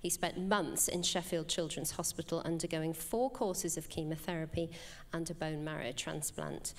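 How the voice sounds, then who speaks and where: Upbeat woman hosting an awards ceremony. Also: fairly low pitch. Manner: upbeat, encouraging questions. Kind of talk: presenting and on-stage interviewing.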